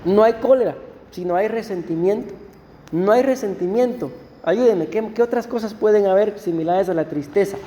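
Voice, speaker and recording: A male pastor giving a conversational sermon to his congregation, often slowing down to read verses aloud. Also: high-pitched, warm tone, in a large hall, slight background noise. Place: church.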